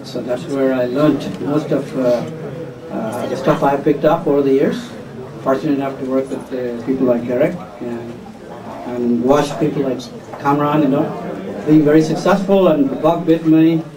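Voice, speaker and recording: A man from India introduces his career at a panel in an easygoing, self-mocking way, pausing often on fillers. He sounds distant from the mic in an echoey hall, with an audience around him. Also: medium pitch, crowd noise. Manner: relaxed, many fillers and self-deprecating asides. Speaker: panelist entrepreneur. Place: conference hall before an audience.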